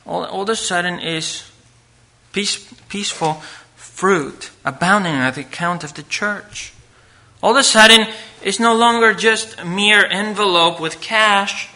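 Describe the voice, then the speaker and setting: A man preaching a sermon to a congregation at a pulpit microphone, earnest, reading scripture aloud and swinging between loud emphasis and hushed asides. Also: high-pitched.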